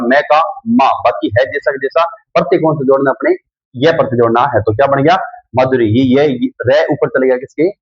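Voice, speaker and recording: A man's voice: fairly high pitch, husky. A male teacher giving a grammar lesson, who keeps asking questions and answering them himself, repeating the key words. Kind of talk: classroom-style grammar lesson. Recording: dull lo-fi recording.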